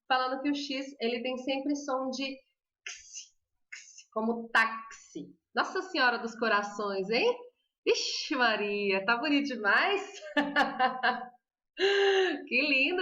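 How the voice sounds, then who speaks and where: A woman's voice: sits high, fairly bright tone. A woman with a Brazilian accent teaching Spanish pronunciation in a casual live stream, chatty and laughing often, reading viewer comments aloud. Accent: Brazilian Portuguese. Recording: roomy, slightly dull live-stream audio.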